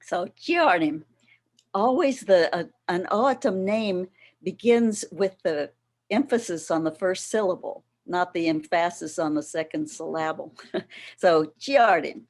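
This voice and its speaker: A middle-aged woman giving an explanatory workshop talk on a video call, unhurried and warm with occasional soft laughs. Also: on the low side. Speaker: workshop presenter. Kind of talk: educational talk on plant foods.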